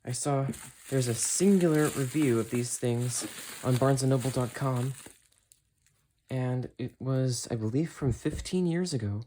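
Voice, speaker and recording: A young man making an unboxing video chats casually as he handles his item, his medium-pitched voice dark in tone and measured in pace. Crinkling packaging, clicks and clear background noise fill his small carpeted room with its computer desk.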